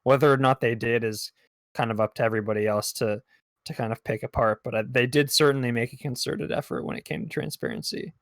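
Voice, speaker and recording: A man speaks on a gaming podcast panel in an even, thoughtful manner. His voice is recorded close and dry, with no room sound. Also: medium pitch, fast talker, no echo. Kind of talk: casual gaming podcast chat.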